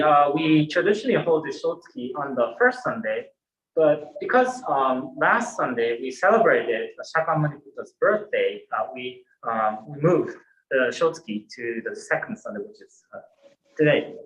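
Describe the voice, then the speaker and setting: A man, a Buddhist minister giving a gentle, reflective dharma talk in a temple hall. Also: fairly high pitch, lively intonation, moderate pace. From Japan. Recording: roomy temple hall echo.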